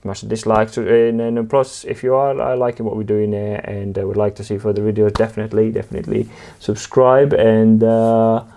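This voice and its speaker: Low-voiced man explaining drive setup. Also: flat delivery, creaky, warm tone. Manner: halting, many fillers and restarts, informal. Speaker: channel host demonstrating equipment. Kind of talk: casual technical demonstration.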